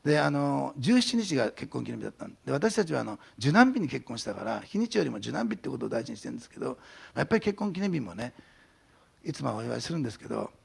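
Gravelly raspy fast-talking male pastor. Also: medium pitch. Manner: animated storytelling, acting out quotes. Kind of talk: sermon.

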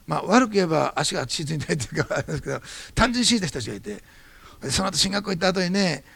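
A man preaching as a pastor, telling a testimony in quick, animated bursts. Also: on the high side, gravelly, slightly rough, no echo. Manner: fast-talking, animated storytelling. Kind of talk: sermon testimony.

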